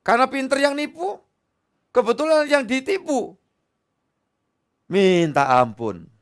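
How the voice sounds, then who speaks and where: A man preaching a Bible study sermon to a church congregation, emphatic and humorous, swinging between soft asides and loud climaxes. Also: very high-pitched, very animated, takes it slowly. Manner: humorous, addresses the congregation directly. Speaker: pastor. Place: church service.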